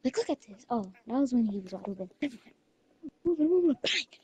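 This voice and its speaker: A woman chatting excitedly while playing a football video game, slangy and boastful about her plays. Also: mid-range voice, fast, breathy edge. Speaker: gamer. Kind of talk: casual gaming chat.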